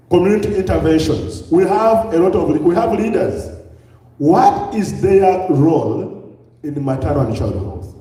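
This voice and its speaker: A man with a Ugandan accent addresses an audience in a large, echoing hall, heard from well back from the microphone. His voice sits high but sounds mellow, and he presses the room with question after rhetorical question. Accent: Ugandan English. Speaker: public health speaker. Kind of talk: lecture to a live audience. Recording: echoey hall, distant mic.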